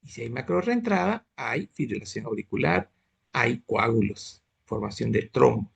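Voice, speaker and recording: A man's voice: mid-range voice, expressive, moderate pace, vocal fry, slightly rough. A man teaching medicine in an online class, explaining step by step and often asking his students if they follow. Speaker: medical lecturer.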